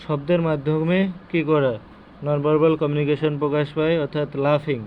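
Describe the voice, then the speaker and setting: Man teaching slowly, dull lo-fi audio. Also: a little high, little pitch movement. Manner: explains each term slowly, repeats words, mixes in English. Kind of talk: lesson explaining a chart. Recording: dull lo-fi audio with faint noise.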